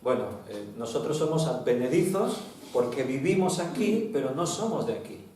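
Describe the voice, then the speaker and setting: A man's voice: mid-range voice, sing-song, normal speed, darkish tone. A man with a Spain Spanish accent, a pastor leading a Bible study and putting questions to the congregation. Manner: teaching, asks the congregation questions. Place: church hall. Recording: very echoey hall, distant mic.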